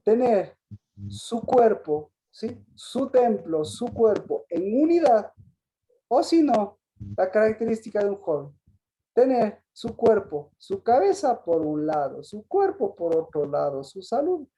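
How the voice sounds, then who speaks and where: A woman leads a Sabbath Bible lesson in a warm, mellow voice of middle pitch. She keeps asking her listeners questions, restarts her phrases and clears her throat now and then. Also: very animated, slow. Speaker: Bible teacher.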